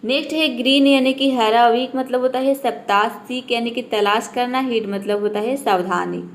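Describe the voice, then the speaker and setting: A woman's voice: a little high, moderate pace. A woman teaching an English pronunciation lesson step by step, asking and answering her own questions.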